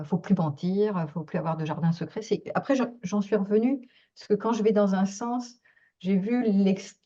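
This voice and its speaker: A woman hosts a reflective talk in an earnest, musing manner. Her voice is mellow and warm. The recording sounds dull and lo-fi. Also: mid-range voice. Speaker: host, speaker. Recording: dull lo-fi audio.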